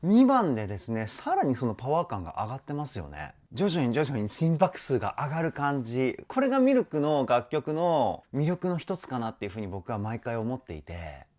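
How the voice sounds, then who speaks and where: A man's voice: medium pitch, huge pitch swings, brisk, few pauses, darkish tone. A man working as a vocal trainer, reacting to a song with enthusiasm and explaining singing technique in casual talk. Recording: music playing in the background.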